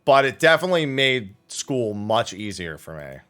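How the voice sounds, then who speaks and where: A man with a medium-pitched voice hosts a livestream, chatting at a moderate pace as he spins profane, animated anecdotes and voices the characters' lines.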